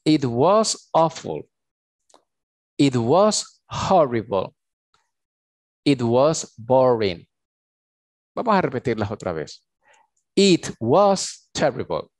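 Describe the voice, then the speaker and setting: A man, teaching English at an unhurried, deliberate pace. His English model phrases come out slow and stretched. The sound is dry and close, with no room echo. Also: mid-range voice. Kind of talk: recorded online lesson.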